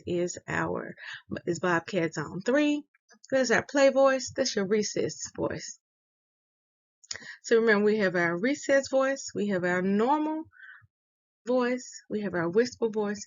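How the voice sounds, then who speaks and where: A woman reading the morning announcements at a school, explaining rules slowly and deliberately to young students. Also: medium pitch, muffled recording.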